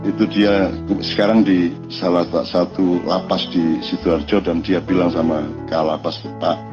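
A man from East Java, Indonesia, speaks with an East Javanese accent in a deep, flat, slightly slow voice. He gives an informal religious lecture, rambling conversationally and firing off rhetorical questions. The lo-fi recording has music underneath.

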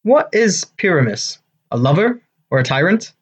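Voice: mid-range voice, very animated, normal speed, husky. An actor playing a boastful, eager male weaver in a Shakespearean comedy, declaiming in a self-important, bombastic way. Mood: eager, bossy. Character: Bottom, boastful, eager amateur-actor weaver, adult man.

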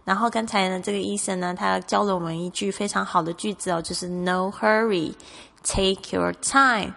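A woman's voice: medium pitch, steady tone, fast talker, vocal fry, a bit bright, long reverb tail. A woman from Taiwan with a Taiwanese Mandarin accent, patiently explaining English words and spelling them out as a teacher. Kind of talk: explanatory lesson narration.

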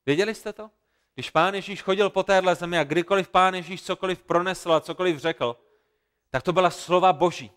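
A man delivers a sermon, retelling scripture with earnest, emphatic repetition. His voice is smooth and clear. It sits a little higher than most men's. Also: fairly bright tone. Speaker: pastor.

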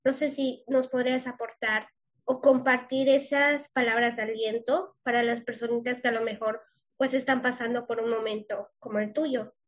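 High-voiced woman interviewer. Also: fairly even intonation, normal speed.

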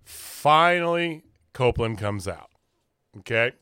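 A man's voice: medium pitch, slow pace, clear, resonant tone, no echo, clean studio sound. A man co-hosting a podcast, retelling a wrestling segment in casual chat, acting out quotes and laughing often. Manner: animated storyteller, laughs often, acts out quotes. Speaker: podcast co-host.

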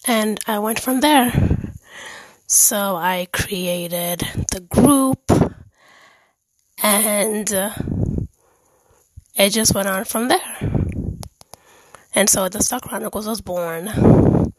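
A woman's voice: mid-range voice, extremely slow, long pauses, no room sound, low-quality recording. A woman hosting her own podcast, talking candidly and earnestly about her life in a heartfelt monologue. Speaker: podcast host.

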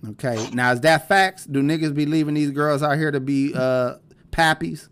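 A man's voice: a little high, normal speed, noisy background. A young man hosting a casual podcast, cursing and joking as he breaks down rap lyrics. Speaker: podcast host.

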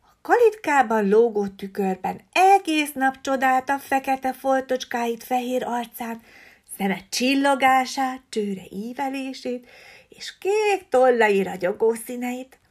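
A woman reading a children's story aloud, expressive and often dropping to a breathy hush. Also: high-pitched.

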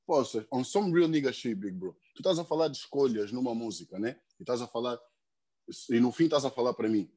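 A man's voice: medium pitch, animated, brisk, dark tone. A young man, talking earnestly as a podcast guest, stumbling over repeated words and tags. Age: young adult. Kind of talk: casual chat.

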